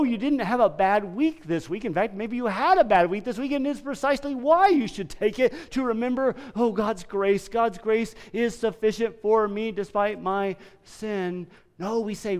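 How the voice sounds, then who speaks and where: Male pastor, slow deliberate sermon delivery, smooth clear voice, echoing church hall. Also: a little high. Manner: conversational preaching with dramatic pauses and swelling emphasis. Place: church sanctuary. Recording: long reverb of a church hall.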